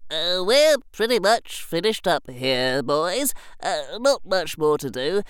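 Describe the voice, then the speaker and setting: A man's voice: high-pitched, big pitch swings, slow, a bit bright, smooth, dry recording, voice pushed up, heavily acted. A man voicing a chatty little gnome engineer who rambles with lots of fillers. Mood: casual. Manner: rambling, filler-heavy, friendly.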